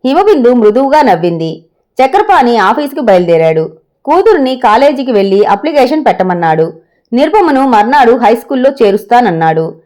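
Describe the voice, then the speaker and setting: A woman narrating a story in a steady, expressive reading style. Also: a little high.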